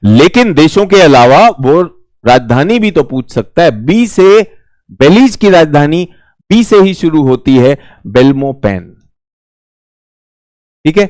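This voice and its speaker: A man's voice: on the high side, very animated, slow, long pauses, darkish tone, no room sound, studio quality. A man with an Indian accent teaching geography in a live online exam-prep class, chatty and teasing, repeating key words.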